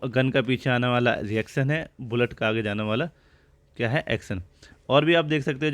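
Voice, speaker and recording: Guy teaching physics, mixes in terms, asks then answers himself, middle pitch. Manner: explains step by step, asks and answers his own questions. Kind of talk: classroom physics lecture.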